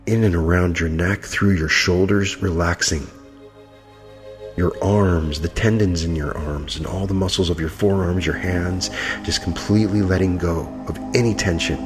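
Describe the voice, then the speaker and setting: Man, low pitch, guided meditation, soothing hypnotic delivery, prominent background music. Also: fairly even intonation, moderate pace.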